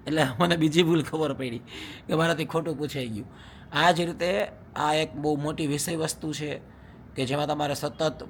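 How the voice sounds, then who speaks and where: A man's voice: a little high, a little hiss or hum. A young man vlogging at home as a husband, chatting casually and teasingly with viewers and laughing often. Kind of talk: casual vlog chat to viewers.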